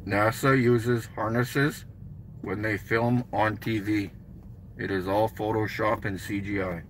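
Slow and steady, the fairly low voice belongs to a middle-aged man with a Canadian accent vlogging from a parked or slow-moving car. He offers blunt, short statements and calls slogans to passers-by, with the car's noise audible around him.

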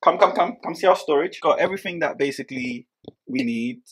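A man's voice: on the high side, a little fast, a bit bright. A man, giving a joking, hyped-up house tour as a vlogger. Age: 20s. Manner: playful, hyped, joking with the viewers. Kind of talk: casual chat. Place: home.

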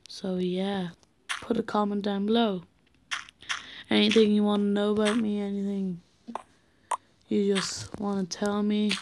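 Sleepy teen girl gaming, slow rambly chat, mumbles and sing-song bits, hissy clicky home mic. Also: mid-range voice. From Ireland. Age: teenager. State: tired. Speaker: gamer. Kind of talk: casual gameplay commentary. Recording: noisy home recording with clicks.

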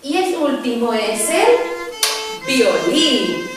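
A woman with a high voice teaches a children's language class. She speaks slowly and says each new word twice. Her voice rings through a very echoey room from a little way off the mic. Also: sing-song, music in the background. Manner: slow, clear repetition of each word. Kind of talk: children's lesson with songs. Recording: echoey room, heard from a distance.

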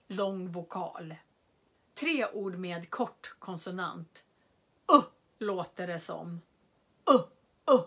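A woman teaching a beginners' language lesson, speaking slowly and clearly and repeating single words to model their pronunciation. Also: medium pitch, fairly bright tone. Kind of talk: slow, carefully enunciated lesson for beginners.

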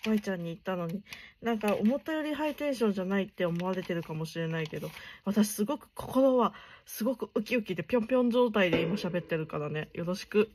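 Soft-spoken young woman gushing over gifts. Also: medium pitch, lively intonation, quick pace. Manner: soft-spoken, chatty, keeps voice down late at night; gushing, often murmurs in near whispers. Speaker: stationery unboxing vlogger. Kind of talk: casual unboxing chat.

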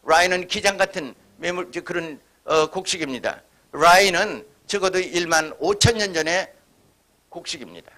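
A man's voice: sits high, normal speed, bright, forceful tone. A man giving a history lecture at a forum, speaking emphatically and imitating regional dialect phrases as examples.

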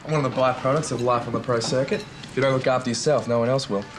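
A man's voice: medium pitch, steady tone, fast talker, natural voice. A man playing a laid-back former pro surfer turned coach, talking bluntly and easily. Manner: blunt, easygoing coaching talk. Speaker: surf coach. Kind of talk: TV teen drama acting. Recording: outdoor noise with surf.

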